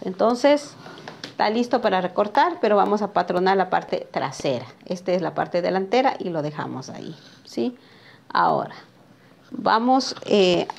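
A woman's voice: mid-range voice, gravelly, darkish tone. A woman giving a live sewing lesson while drafting a pattern at a table, chatting with viewers by name and checking in with frequent questions. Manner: chatty, talks to viewers by name and asks "¿sí?" often. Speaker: sewing teacher. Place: sewing workshop, at a cutting table.

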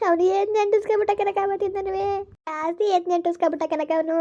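A woman's voice: very high-pitched, steady tone, fast, mellow. Woman voicing a wailing old village grandmother. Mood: wailing, grieving. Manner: lamenting, wailing to God and a neighbour. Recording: dull lo-fi recording.

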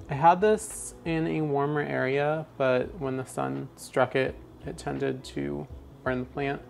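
A man in his twenties, a houseplant vlogger, narrates a casual tour of the plants in his home, standing indoors by an open window. His medium-pitched voice with vocal fry offers wry, playfully dramatic asides while passing trucks rumble in the background.

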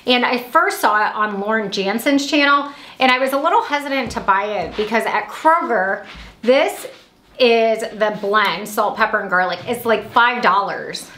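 A woman in her thirties from Indiana, chatting upbeat at home through a grocery haul vlog, with quick asides. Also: on the high side, sharp tone, roomy sound. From Indiana, USA. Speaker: vlogger. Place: small room at home.

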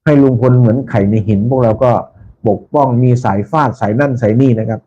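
A man hosting a casual live stream for his followers, talking politely and repeating himself, with soft polite particles at the ends of his phrases. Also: mid-range voice, brisk. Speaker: channel host. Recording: dull lo-fi sound with faint background noise.

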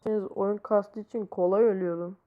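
A woman's voice: mid-range voice, fairly even intonation, normal speed, narrow, tinny audio. A woman hosting a gaming channel, giving casual commentary as she plays and breaking into exasperated exclamations. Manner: exasperated exclamations while playing.

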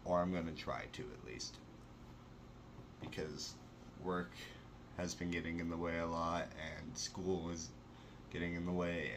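A man's voice: deep voice, background noise. A young man in a casual sit-down news chat from his bedroom, enthusiastic and full of fillers. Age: young adult. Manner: chatty, enthusiastic, many fillers. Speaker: vlogger. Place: small bedroom, indoors. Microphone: camera close to face.

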